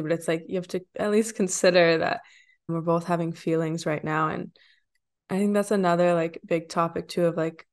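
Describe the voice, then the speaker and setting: A woman hosting a podcast interview, talking casually and affirming her guest while thinking aloud. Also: fairly low pitch. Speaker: podcast host.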